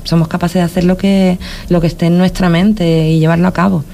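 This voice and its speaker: A Spanish woman hosts a local radio show in a thoughtful, casual way, her lowish voice level in tone, fairly quick, warm, and touched with vocal fry. She restarts often, repeats words, and adds tag questions.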